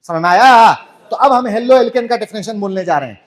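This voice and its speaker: A man's voice: high voice, fairly quick. A man teaching chemistry in an online class, playful and joking, firing rhetorical questions at students.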